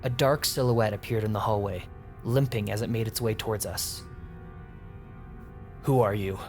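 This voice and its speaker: A man reading a first-person horror story in a tense, measured way. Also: on the low side, fairly even intonation. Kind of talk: scripted first-person narration. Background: faint music.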